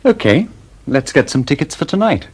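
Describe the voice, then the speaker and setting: A man's voice: a little high, big pitch swings, very slow, darkish tone, slightly rough, exaggerated voice. A man acting in a scripted course dialogue, easygoing and mildly teasing.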